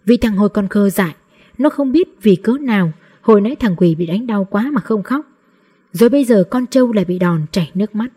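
A woman reading a novel aloud in a steady, measured storybook narration. Her voice is dark and mellow, with a husky grain. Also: mid-range voice. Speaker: audiobook narrator.

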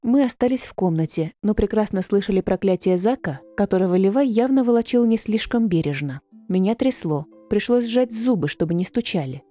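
A woman's voice: animated, fairly quick, few pauses, warm tone, faint music behind. A woman reading a fantasy story aloud as narrator, dropping her voice for the male characters. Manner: voices several men in lowered tones. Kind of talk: scripted audiobook narration.

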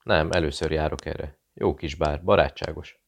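A man doing a smooth British investigator. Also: extremely low pitch, full character voice. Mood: friendly. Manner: smooth, friendly, quietly persuasive. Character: cool British male investigator posing as journalist.

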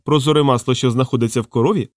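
A man's voice: mid-range voice, fairly quick, darkish tone, no room sound, studio quality, lightly acted. A man reading an audiobook, voicing a magic mirror that recites with idiotic, pompous solemnity. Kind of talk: audiobook character voice.

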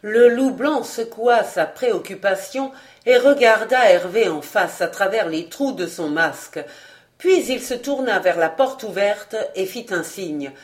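A volunteer reader narrating a classic novel as an audiobook in a steady, expressive way. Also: medium pitch, a little slow.

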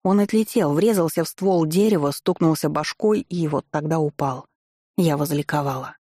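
Audiobook narrator, first-person fantasy, ironic and lively; dry booth sound. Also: medium pitch, moderate pace, dry recording. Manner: wry and expressive, ironic asides.

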